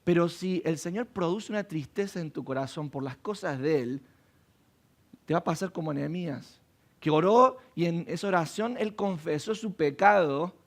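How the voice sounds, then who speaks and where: Pastor guy preaching a sermon, kinda high voice with a gravelly rasp, keeps asking the church questions. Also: moderate pace. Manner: preaching with rhetorical questions to the congregation.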